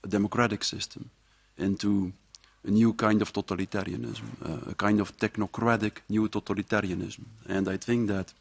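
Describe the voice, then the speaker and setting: Low, gravelly male professor lecturing in a measured, reflective way at a live event, dry close sound. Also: flat delivery, dry recording. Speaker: university professor giving a talk. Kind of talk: public speech at a presentation. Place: live event before an audience.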